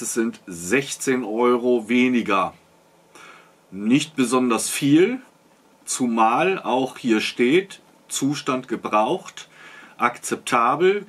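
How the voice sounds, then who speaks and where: A man in his fifties reviews products in a small wood-panelled room, offering casual unboxing commentary as he chats and thinks aloud while inspecting items at a table. His voice is medium-pitched, a bit bright and slightly rough.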